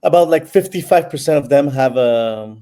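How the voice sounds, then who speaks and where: An animated, mellow voice of medium pitch belongs to this man from Peru, who speaks at normal speed. The bitcoin platform founder explains his interview answers with frequent fillers and restarts.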